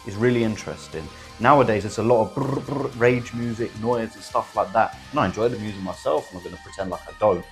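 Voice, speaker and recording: A young man with a lowish voice lectures straight at the camera. He talks bluntly, swears a lot and keeps tagging lines with "right?" and "bro". Faint music runs underneath. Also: fast talker, few pauses. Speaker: self-improvement vlogger. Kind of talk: casual motivational monologue.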